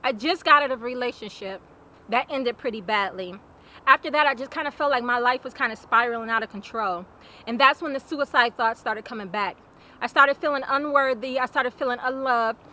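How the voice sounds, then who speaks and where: A woman's voice: a little high, brisk, pushed and bright. A young woman recounting her own life in an earnest, plainspoken personal testimony, repeating phrases for weight. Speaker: survivor telling her own story.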